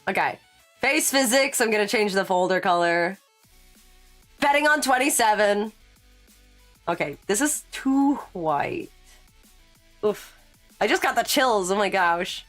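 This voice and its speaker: A woman streaming live in casual chat. She answers chat as she works and jumps to sudden high exclamations. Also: expressive, unhurried, pauses often, a bit bright, soft background music. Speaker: VTuber streamer.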